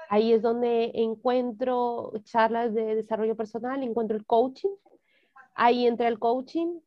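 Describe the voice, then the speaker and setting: A woman's voice: a little high, dry recording, muffled recording. A woman from Peru, a podcast guest telling her personal story earnestly and acting out her past thoughts in quotes.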